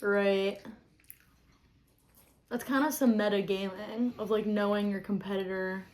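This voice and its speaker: A woman's voice: mid-range voice, fairly even intonation, measured pace, a little mellow. A woman hosting a challenge with casual chat and playful running commentary. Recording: faint background noise and clicks.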